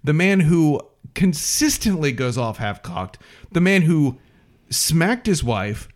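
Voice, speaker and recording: A man's voice: fairly high pitch, sing-song, takes it slowly. A man co-hosting a podcast in casual chat, recapping a story with a dry, sarcastic edge. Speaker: podcast co-host.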